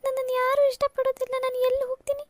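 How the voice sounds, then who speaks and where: A woman's voice: very high-pitched, completely flat delivery, rapid-fire, dry recording. A woman voicing a young heroine who pleads and repeats herself while crying. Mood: tearful. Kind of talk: cartoon voice acting.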